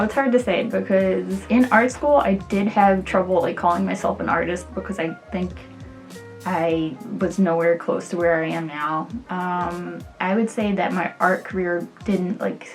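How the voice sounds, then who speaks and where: A woman in her late twenties, an illustrator, chatting casually and self-deprecatingly about herself, with many "like"s and "um"s. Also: medium pitch. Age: 20s. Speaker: illustrator and vlogger. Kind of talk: casual get-to-know-me chat.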